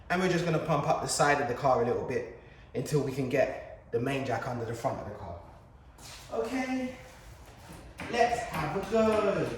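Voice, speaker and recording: A man's voice: medium pitch, a little hiss or hum. Man, home mechanic, casual self-narration, wry and chatty, heavy echo, recorded from a distance. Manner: chatty, self-mocking, talking himself through the job. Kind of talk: casual narration while working on a car. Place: garage or workshop. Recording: very echoey, distant from the mic, faint ambience.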